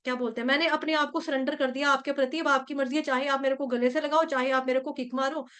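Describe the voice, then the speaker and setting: Woman, high voice, devotional teacher, explanatory, verse chanting. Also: steady tone, fast, fairly bright tone. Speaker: scripture class teacher. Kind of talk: devotional scripture class.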